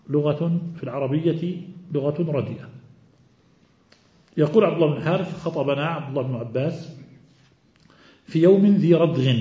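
Male hadith teacher, mellow and slightly high, lecture style with questions to the room; roomy, muffled recording. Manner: explains slowly, quizzes students with questions. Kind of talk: classroom lecture.

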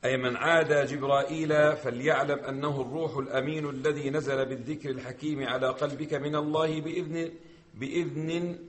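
A man reading verses and a commentary text aloud in a measured recitation for a lesson. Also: on the high side. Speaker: student reader.

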